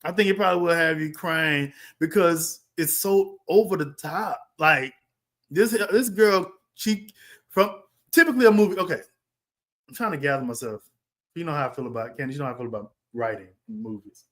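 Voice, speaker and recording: Brief: male stream host, slightly higher voice, excitable and exasperated, restarts often, on a webcam mic. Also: normal speed. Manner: animated, exasperated, talks in bursts with restarts. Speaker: livestream host reviewing a film. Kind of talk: casual live reaction commentary.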